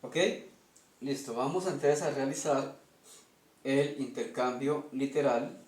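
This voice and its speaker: A man's voice: medium pitch, fairly even intonation, slow pace, a little mellow, reverberant. A man with a Colombian Spanish accent teaching a lesson step by step, stopping often to ask "ok?". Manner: methodical, checks in with "ok?". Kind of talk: explaining an invented language at a whiteboard.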